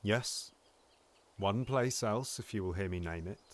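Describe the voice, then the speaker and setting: A man's voice: on the low side, unhurried, lightly acted. A man playing a scheming, sardonic, silkily seductive duke in a Shakespearean audio drama, theatrical and insinuating. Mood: sly provocation. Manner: theatrical, insinuating, drops into whispers.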